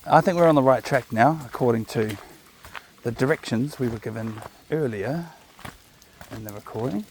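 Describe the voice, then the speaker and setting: Recorded on a chest-mounted camera, a New Zealand man chats casually to viewers as he walks his dog on outdoor park trails. His mid-range voice is a little mellow and moves at normal speed, and the low-quality recording carries slight background noise. He keeps up a laid-back, chatty, rambling monologue with jokey asides.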